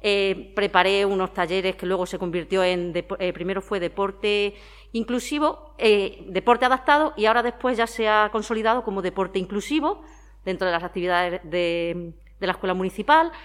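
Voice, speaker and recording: A woman in her forties from Madrid, Spain, with a Spanish accent, speaks at a moderate pace in a mid-range voice. She's a former athlete and town sports councillor being interviewed, answering chattily and conversationally and illustrating her points with examples.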